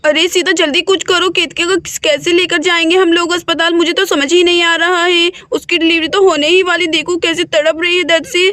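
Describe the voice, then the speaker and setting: A woman's voice: very high-pitched, level tone, a little fast, hardly any pauses, pushed and bright. A woman voicing a caring young village elder sister who reassures and directs the others in a doll-play story. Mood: reassuring.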